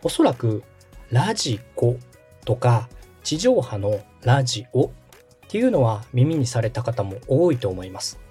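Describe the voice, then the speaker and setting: Here a radio director and podcast host, a man in his thirties from Osaka, Japan, explains the basics to his guest in careful stages, staying polite and patient throughout. He talks a little slowly, his slightly husky, mellow tone rising and falling in a lively way over faint music.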